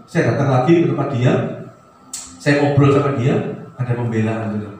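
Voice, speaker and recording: A man's voice: medium pitch, moderate pace, a little mellow. A male pastor telling a testimony, full of fillers and restarts. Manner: storytelling with many fillers and restarts. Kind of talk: sermon testimony. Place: church hall. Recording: echoey room, voice from far off with faint noise.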